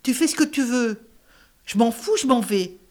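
Restless, irritable woman, played by a stage actress, higher-pitched. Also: expressive, normal speed, darkish tone, close to an everyday voice. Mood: exasperated, accusing. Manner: clipped, repetitive, insistent. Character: restless, irritable, bored woman fed up with theatre and hospital visits. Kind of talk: stage-play dialogue.

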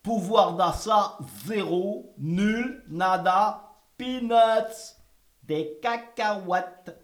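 A man's voice: high voice, very slow. A man doing an anxious, deferential royal servant. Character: fretful, long-suffering royal servant, adult man. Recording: echoey room.

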